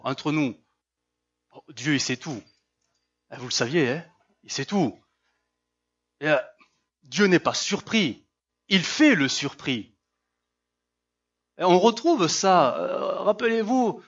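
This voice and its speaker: A man's voice: fairly high pitch, a bit bright. A male pastor preaching a sermon, acting out Bible voices and firing rhetorical questions. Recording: slightly muffled recording.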